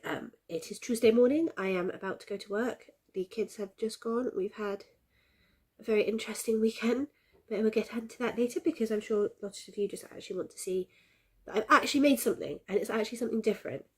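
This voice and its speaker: Talking quickly in a fairly high, slightly rough voice, a woman rambles happily to viewers in a casual crafting vlog. She has a head cold, so she's a bit congested and coughs now and then while chatting to camera.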